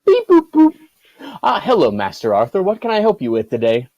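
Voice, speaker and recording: A man's voice: high-pitched, huge pitch swings, fairly quick, darkish tone, no room sound, dull audio, soft background music, voice pushed up. A man running a tabletop game, putting on a beeping robot voice for a formal, courteous male etiquette droid. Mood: chirpy. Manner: formal, courteous servant speech. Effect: beeping robot voice, done by mouth. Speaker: game master. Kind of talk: tabletop game role-play.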